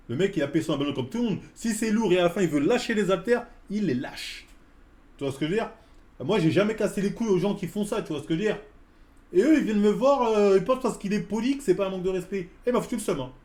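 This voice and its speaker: On a live stream, a fitness streamer in his forties rants in heated, slangy street talk about a run-in at the gym. His voice is high-pitched and expressive with a darkish tone, and he talks fast. The room he's in sounds echoey.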